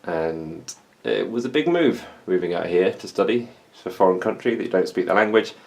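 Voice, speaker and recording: In his plant vlog, a young man from England with an English accent chats casually and makes fun of himself, showing a self-mocking, dry sense of humor. He has a deep, expressive, slightly mellow voice with vocal fry and speaks at a moderate pace.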